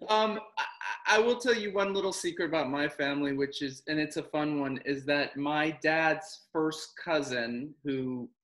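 Low-voiced woman keeping the chat moving, echoey room. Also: normal speed. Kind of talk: casual chat.

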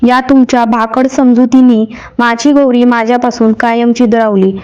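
A woman reads out a heartbroken young husband in a storybook tale, pleading and then firm and bitter. The voice sits fairly high, and the recording sounds a bit dull and lo-fi. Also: little pitch movement, normal speed, darkish tone, clean tone, close to an everyday voice. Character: grieving young husband, man, heartbroken and defiant.

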